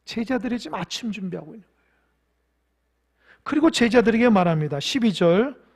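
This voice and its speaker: A male pastor preaching a sermon with emphatic swings from quiet to loud, leading the congregation in reading aloud. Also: sits high, animated, a little fast, breathy edge.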